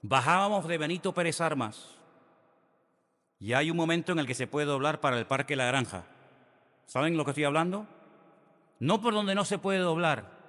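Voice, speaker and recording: A middle-aged man delivers a sermon as a pastor, telling stories with lively shifts between hushed and emphatic moments. His voice sits somewhat high. The sound trails off into a long hall reverb. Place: church hall.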